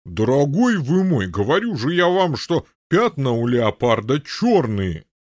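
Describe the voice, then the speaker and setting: A man voicing a gruff, grumbling elderly Norman knight in an audiobook, with a husky, blustering manner. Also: medium pitch, big pitch swings, a little slow, a little mellow, dry recording, studio quality. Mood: huffy. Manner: blustering, huffy protests. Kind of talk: audiobook character voice.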